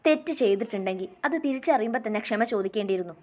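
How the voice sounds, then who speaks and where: A reserved young man, as a woman narrator puts him on, speaking low and hushed in a storybook romance. His voice stays restrained and gentle. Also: animated, very fast, natural voice. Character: young man, stern but softening, emotional.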